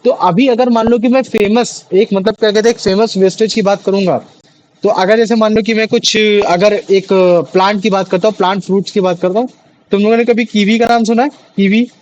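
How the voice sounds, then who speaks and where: Brief: male tutor, high pitch, chatty, keeps quizzing students, mix. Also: fairly even intonation, a little fast, darkish tone, rough recording. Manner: chatty, repeats questions to students, many fillers. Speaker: teacher. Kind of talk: classroom biology lesson.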